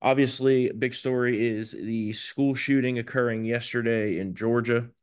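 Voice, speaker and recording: Man on a rough remote stream. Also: fairly even intonation, measured pace, no room sound, clean studio sound. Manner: blunt and opinionated, sometimes swearing. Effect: rough, low-quality remote stream audio. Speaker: show host. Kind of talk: casual political talk show.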